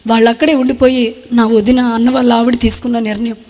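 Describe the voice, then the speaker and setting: A woman's voice: on the high side, little pitch movement, dark tone. Young woman giving an earnest testimony, echoing. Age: young adult. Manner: earnest, halting retelling in short phrases. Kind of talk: emotional spoken testimony. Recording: long hall reverb.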